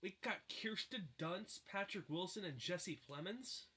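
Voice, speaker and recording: A young man co-hosting a casual podcast chat, joking and cutting in with quick asides. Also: sits high, animated, bright, forceful tone, slightly rough. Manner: joking, talks over others with quick asides. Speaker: podcast co-host.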